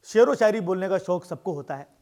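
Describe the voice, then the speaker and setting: A man telling jokes on stage in a lively, animated way. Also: sits high, brisk, over loud music. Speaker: stand-up comedian. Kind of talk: stand-up joke telling.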